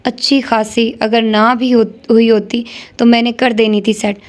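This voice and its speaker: A woman voicing a stern, protective young male police officer who speaks gravely. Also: fairly high pitch, flat delivery, natural voice. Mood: grim.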